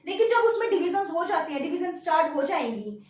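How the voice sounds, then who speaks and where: Delivering a classroom lecture at the board, this female biology teacher turns key terms into questions and answers them, often checking in with "है ना" and "ठीक है." Her voice is extremely high and sing-song, with a darkish tone and quick pace. The mic is distant and the room very echoey.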